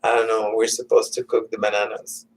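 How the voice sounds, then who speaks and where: A man in a casual, rambling vlog monologue, halting and meandering with many restarts, sometimes dropping to a muttered whisper. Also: fairly low pitch, level tone, a little hiss or hum, rough recording. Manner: drops to muttered, whispered asides. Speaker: vlogger.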